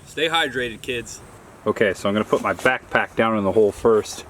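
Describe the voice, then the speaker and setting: A man narrating a casual solo exploring vlog, talking straight to his viewers in short, deliberate phrases. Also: fairly low pitch, fairly even intonation, slight background noise. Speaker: solo explorer filming a cave tour for viewers. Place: on a forest trail and in a small cave.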